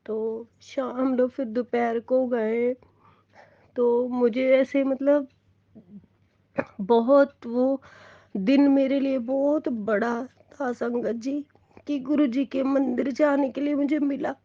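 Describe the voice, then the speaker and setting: Middle-aged woman, high voice, slow heartfelt testimony, dull lo-fi phone sound. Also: steady tone, warm tone, no echo. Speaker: devotee sharing a satsang testimony. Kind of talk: emotional personal testimony.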